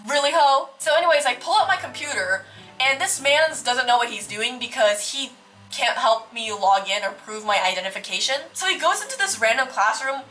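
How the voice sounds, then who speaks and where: Young woman, casual storytime vlog, slangy and dramatic, fairly high, bright voice, faint music behind. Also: expressive, a little fast. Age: young adult. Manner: dramatic, exaggerated, slangy and swearing. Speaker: vlogger.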